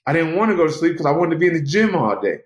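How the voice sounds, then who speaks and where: A man talks fast and earnestly, pushing a motivational message in a casual interview. His voice sits a little high. The room around him rings with echo. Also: sing-song. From United States. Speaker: guest, mixed martial artist.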